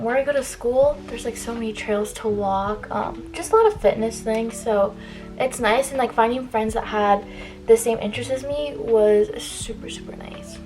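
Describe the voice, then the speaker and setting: A woman's voice: a little high, a little mellow, poor audio. A young adult woman chatting informally through a get-ready-with-me makeup vlog, giving advice with frequent filler "like" and trailing asides. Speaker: beauty vlogger giving college advice. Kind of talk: casual get-ready-with-me chit chat while doing makeup.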